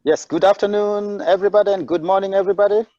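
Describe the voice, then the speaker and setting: A man's voice: sits high, steady tone, fast, warm tone, dry recording. A man presenting over an unstable video-call connection, talking hesitantly with many fillers. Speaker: webinar presenter. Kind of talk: online presentation. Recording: dull lo-fi online call audio.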